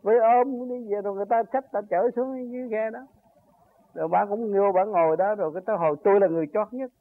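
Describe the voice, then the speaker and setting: A man's voice: sits high, fairly even intonation, quick pace. An older man giving an earnest, rambling spiritual talk that rises to emphatic peaks as he recounts his own journey. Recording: tinny phone-like recording with faint noise.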